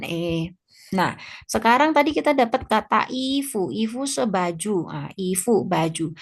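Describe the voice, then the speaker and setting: A woman teaching an online language class at an unhurried pace. She explains each word with patience and reads short dialogues aloud for her students to repeat. Her voice sits at a middle pitch. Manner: explains slowly, mixing Indonesian and Mandarin, reads dialogue aloud. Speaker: Mandarin teacher.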